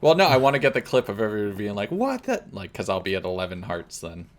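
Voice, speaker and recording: Man doing lively, swooping gaming commentary. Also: on the low side, rapid-fire. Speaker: gaming video host and player. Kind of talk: gaming commentary and casual chat.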